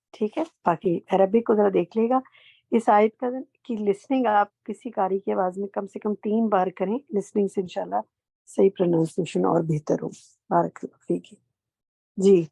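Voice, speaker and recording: A woman teaching a Quran translation class online, calling on students and gently correcting their pronunciation. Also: medium pitch, vocal fry, slightly rough, no room sound.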